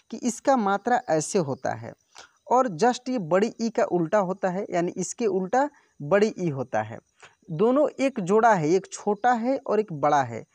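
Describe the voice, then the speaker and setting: A man's voice: high-pitched, darkish tone, dry recording, studio quality. A man teaching Hindi spelling, patiently sounding out each word syllable by syllable. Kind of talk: spelling lesson on a video channel.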